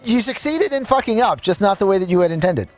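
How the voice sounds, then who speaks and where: A man acting as game master, calmly narrating a tabletop game and patiently explaining rules. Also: sits high, quick pace, dry recording, soft background music. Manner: relaxed, explains rulings patiently.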